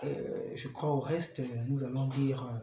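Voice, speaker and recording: A man's voice: mid-range voice, fairly even intonation, unhurried, gravelly. A man with a Congolese French accent preaching in a loose, conversational way, tossing in rhetorical questions and little chuckles. His voice carries in a roomy, echoing hall, and a crowd can be heard behind him. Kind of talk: informal preaching advice.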